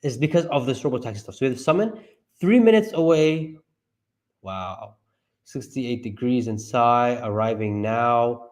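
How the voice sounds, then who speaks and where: A man streaming live commentary as he reads through a report, talking to himself and his viewers and breaking into excited high yelps. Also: measured pace. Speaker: stock market streamer.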